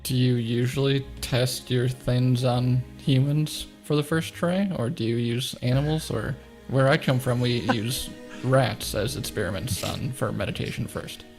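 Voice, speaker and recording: A man's voice: mid-range voice, steady tone, measured pace, darkish tone, soft background music. A man playing a tabletop game, asking wary questions. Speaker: player. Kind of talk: tabletop role-play.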